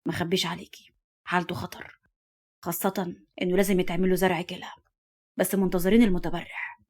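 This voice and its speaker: A woman voicing a nervous middle-aged male doctor who speaks quietly and soothingly, with an Egyptian Arabic accent. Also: on the low side, little pitch movement, fast, voice pushed down, close to an everyday voice. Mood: calm.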